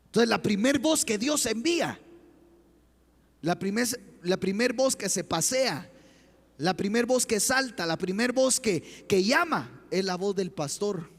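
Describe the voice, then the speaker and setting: A man's voice: sits high, animated, measured pace, gravelly. A man preaching a sermon as pastor, impassioned and full of rhetorical questions, in a church. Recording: long church hall reverb.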